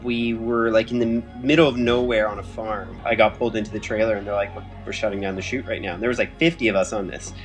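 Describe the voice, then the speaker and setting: Guy from a film crew telling a story, reflective, soft music under it. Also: lowish voice, steady tone, quick pace, hardly any pauses. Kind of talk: casual testimonial.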